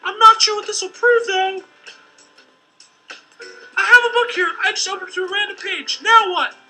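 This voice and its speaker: A woman's voice: very high-pitched, steady tone, moderate pace, sharp tone, soft background music, full character voice, low-quality recording. An actress voicing a skeptical young woman in a game who teases a caller warning her of danger.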